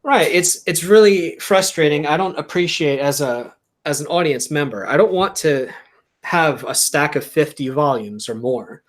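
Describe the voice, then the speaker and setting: A man's voice: on the high side, normal speed. A man hosting a podcast, chatting casually and explaining his points with examples. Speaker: podcast host. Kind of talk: casual chat.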